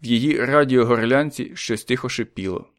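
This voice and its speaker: Calm male audiobook narrator, dry sound. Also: medium pitch, no echo. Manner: calm, measured storytelling.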